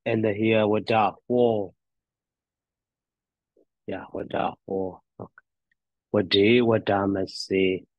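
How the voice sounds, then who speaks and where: A man teaching grammar as he recites word forms, halting and repetitive as he thinks aloud. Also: lowish voice, little pitch movement. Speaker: teacher, addressed as a Buddhist monk. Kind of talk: grammar lesson on verb endings, reciting forms. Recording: dull, roomy lo-fi audio.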